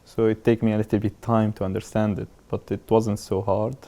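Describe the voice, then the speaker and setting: A man, talking haltingly in a documentary interview. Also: on the low side, flat delivery, warm tone. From Syria. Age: 20s. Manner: halting, searching for words with many fillers.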